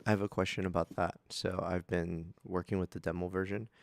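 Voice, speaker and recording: Male co-host, very deep gravelly voice, casual joking chat, dry sound. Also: flat delivery, fairly quick, dry recording. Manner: joking, eager questions. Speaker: music producer, co-host. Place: small home room with fan. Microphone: home studio mic on video call.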